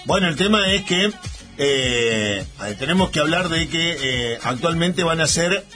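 A man with an Argentine accent hosting a sports segment on radio, chatting casually with pauses and fillers. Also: on the high side, animated. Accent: Argentine Spanish. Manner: conversational, halting with fillers. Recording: radio broadcast with music bed.

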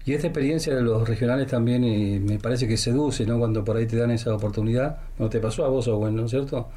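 A man's voice: medium pitch, fast talker, mellow. A man with an Argentine accent hosting a radio sports interview, chatty and full of leading questions and fillers. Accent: Argentine Spanish.

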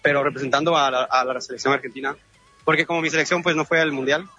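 Fast-talking Guatemalan man, a football fan. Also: a little high, little pitch movement, pushed and bright, breathy edge, muffled recording, soft background music. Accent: Guatemalan Spanish. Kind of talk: street interview.

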